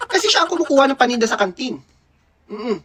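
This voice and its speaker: A man's voice: very high voice, very animated, fast, fairly bright tone, a little hiss or hum. Dentist guy in his 30s spilling old school gossip, voice jumping up and down all over, playful and chatty. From Philippines. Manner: gossipy, playful, laughs often. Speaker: dentist vlogger. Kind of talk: casual storytelling.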